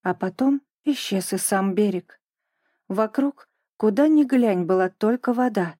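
A woman narrating a children's story in a gentle, even storytelling manner. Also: mid-range voice, unhurried, no room sound, studio quality.

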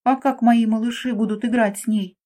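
Big stern mother bird from a storybook, woman reading it, mellow, slightly high. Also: fairly even intonation, a little fast, natural voice. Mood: pleading. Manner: threatening then apologetic.

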